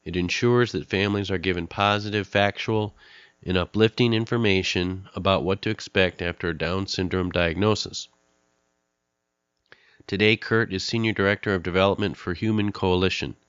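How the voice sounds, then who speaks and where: A man's voice: low-pitched, steady tone, fairly bright tone, clean tone, no echo, lo-fi sound. A middle-aged man hosting a podcast, speaking earnestly and candidly with a nasal, stuffed-up voice from a cold. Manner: earnest, candid, pauses with fillers. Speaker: podcast host. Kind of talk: podcast monologue introducing a guest.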